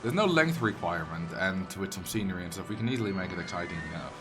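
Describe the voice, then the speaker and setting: Fast, low and full of lively intonation, a man with a Dutch accent chats loosely with viewers during a game stream, answering their messages as he goes. Game music plays behind.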